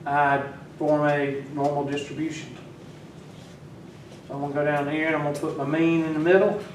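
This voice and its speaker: A man with a slightly high voice lectures a class in a level tone at a moderate pace, teasing his students and chatting with them while he works. He's far from the microphone, so the classroom sounds echoey and distant, with faint noise.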